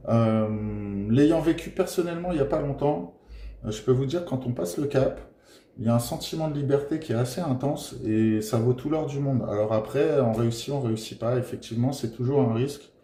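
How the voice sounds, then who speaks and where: A man giving a casual tarot reading to his viewers, gentle and encouraging, pausing often with filler sounds. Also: medium pitch, a little hiss or hum. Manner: hesitant, full of filler pauses. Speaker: tarot card reader. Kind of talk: casual tarot guidance monologue. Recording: roomy echoey room.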